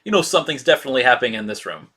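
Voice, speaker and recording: A man running a tabletop role-playing game as game master, describing scenes in a halting way with many fillers. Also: medium pitch, animated, sharp tone, husky.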